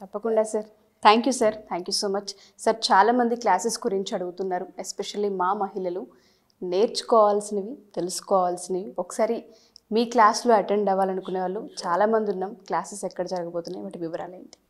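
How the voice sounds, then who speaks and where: A woman's voice: mid-range voice, fairly even intonation, brisk. A woman interviewing a coach, asking polite, deferential questions.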